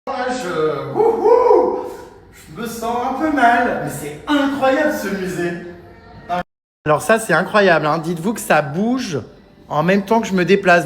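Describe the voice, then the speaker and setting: An exuberant man hosting a vlog, with a high voice that swings widely in pitch. He fills his excited commentary with theatrical exclamations as he walks through indoor museum rooms. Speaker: vlog host.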